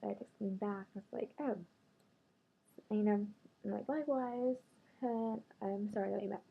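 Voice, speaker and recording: A woman vlogs about dating in a loose, chatty way, full of "like" and sudden quoted lines. Her voice is husky with a gravelly edge. The sound is thin and tinny, like a phone line. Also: mid-range voice, normal speed. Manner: chatty, filler-heavy, quotes others in raised voice. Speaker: vlogger. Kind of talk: casual storytelling about dating.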